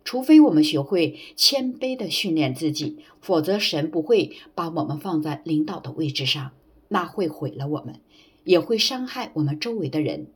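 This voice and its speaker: A woman's voice: deep voice, expressive, moderate pace, breathy edge. A woman preaching a sermon in an earnest way, citing scripture references as she speaks.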